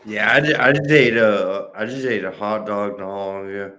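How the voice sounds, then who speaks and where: A man chatting casually while reacting to videos on a stream, halting and repeating his words, with many fillers. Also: lowish voice, bright, forceful tone. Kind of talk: casual chat.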